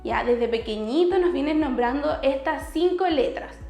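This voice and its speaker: High-voiced Chilean teacher, echoey room. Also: female voice, expressive, a little mellow, faint music behind. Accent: Chilean Spanish. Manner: slow, clear, patient explaining with questions to children. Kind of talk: recorded remote class for first graders.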